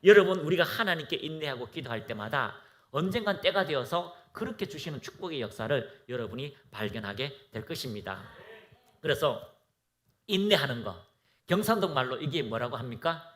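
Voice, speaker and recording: A man's voice: mid-range voice, sing-song, normal speed, fairly bright tone. A man preaching a fervent sermon as pastor of a church, exhorting and leading the congregation to recite aloud.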